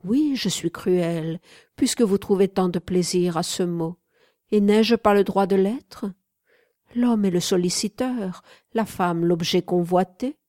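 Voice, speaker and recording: A woman's voice: mid-range voice, a little slow, dark tone, no echo, clean studio sound, lightly acted. A woman reading an audiobook, voicing a haughty, mocking woman in furs with a cool, commanding tone. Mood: scornful.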